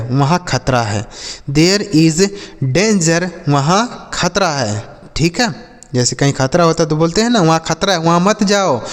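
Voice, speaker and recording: A man teaching English vocabulary at a very deliberate pace, spelling words out and repeating example sentences. His voice sits a little high for a man. The room around him adds a long, ringing reverb. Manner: addresses viewers as friends, frequent okay checks. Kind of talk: slow spelling-and-meaning lesson.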